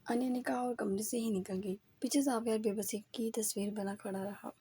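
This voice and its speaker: A woman narrating a romance novel aloud in a steady storytelling manner. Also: on the high side, a little hiss or hum.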